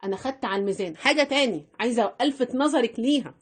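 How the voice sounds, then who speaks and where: A woman's voice: fairly high pitch, expressive, rapid-fire. A woman with an Egyptian Arabic accent giving household budgeting tips in a chatty vlog, repeating phrases and talking straight to her viewers. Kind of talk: casual instructional vlog.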